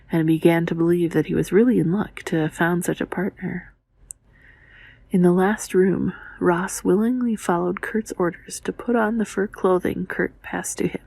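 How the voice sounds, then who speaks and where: Hushed, breathy woman reading under her breath. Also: lowish voice. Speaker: audiobook reader. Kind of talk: ASMR quiet reading of a novel.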